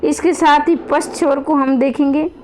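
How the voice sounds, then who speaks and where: A woman's voice: high voice, fairly even intonation, normal speed, darkish tone, a little hiss or hum. A woman teaching grammar to students in a classroom-style lesson, calling them children, repeating points and asking rhetorical questions.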